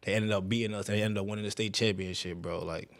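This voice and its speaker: Animated young male podcast host. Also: fairly low pitch, fast talker, no room sound. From Bridgeport, Connecticut, USA. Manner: animated storyteller, heavy slang, laughs often. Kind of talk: casual conversational interview.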